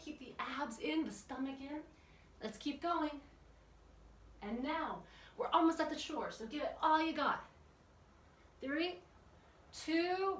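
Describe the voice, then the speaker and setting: A woman with a high, fairly bright voice instructs children in a workout, in her role as a kids' exercise and yoga teacher. Friendly and chatty, she cheers them on and asks them questions along the way. It's captured from a distance in an echoey room with background noise.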